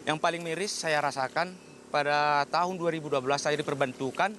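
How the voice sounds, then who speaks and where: A man's voice: on the high side, steady tone, fairly quick, a bit bright, a little hiss or hum. A man, a former diver, giving interview testimony outdoors by a lake, talking hesitantly with frequent "ah" fillers.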